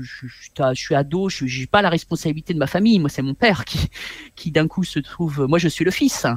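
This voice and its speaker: Halting storytelling man, slightly high voice. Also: no room sound. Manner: animated, halting, with many repeats. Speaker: guest author. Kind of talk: storytelling in a radio interview.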